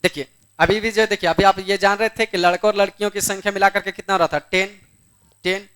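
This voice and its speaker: A male math teacher with a high, fairly bright, smooth voice moves briskly through a board exam lesson with little pitch movement. He keeps asking questions and answering them himself in a coaxing way, and he scolds the students in the room.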